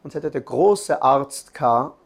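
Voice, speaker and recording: A man's voice: medium pitch, animated, normal speed, creaky, husky. A man giving an earnest religious lesson, telling a story with restarts and filler sounds.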